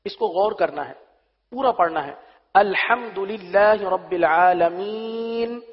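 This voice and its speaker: Male Quran reading teacher, high voice, patient drilling and chanted verses; dull recording with long reverb. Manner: drills letters slowly, chants verses, then explains quickly. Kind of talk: Quran recitation lesson.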